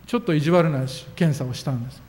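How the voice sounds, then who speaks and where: A man preaching a sermon in an earnest, emphatic way, his voice now and then jumping upward for stress. His speaking voice sits a little high for a man. The sound carries the long reverb of a hall. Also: fast talker, darkish tone. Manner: earnest, emphatic preaching with sudden rises in pitch. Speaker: pastor.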